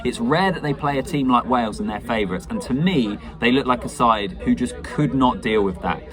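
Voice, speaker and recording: A man in his thirties giving casual, measured sports analysis as a pundit, opinionated and conversational. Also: mid-range voice, crowd noise. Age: 30s. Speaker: rugby pundit giving match reaction. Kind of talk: casual spoken match analysis to camera. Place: small indoor room at home.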